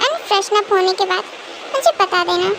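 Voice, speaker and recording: A woman's voice: very high-pitched, lively intonation, normal speed, noisy background. Woman playing a bossy young mafia king. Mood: grudging. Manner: scolding, impatient commands.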